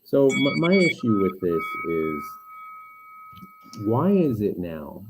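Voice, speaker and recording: A man's voice: on the low side, sing-song, takes it slowly, noisy background. A man co-hosting a casual podcast over a remote line, his voice muffled as if through a wall, talking bluntly and swearing freely. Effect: muffled microphone, as if talking into a closet or through a wall. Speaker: podcast co-host. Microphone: remote call-in microphone.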